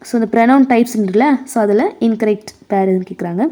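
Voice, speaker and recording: A woman with a Tamil accent teaching an exam prep lesson, reading English questions slowly and explaining them in quick Tamil. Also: mid-range voice, dark tone.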